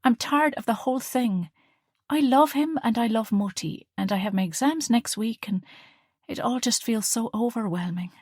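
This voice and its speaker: A woman reading the part of a young female student and caring older sister in an audiobook, earnest and expressive. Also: on the high side, moderate pace, breathy edge, no echo, clean studio sound, pitched above the performer's own voice. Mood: weary.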